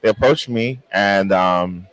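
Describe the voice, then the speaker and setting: A man co-hosting a casual panel talk show, speaking haltingly with many restarts and fillers. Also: low-pitched, a bit bright, poor audio. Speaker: co-host.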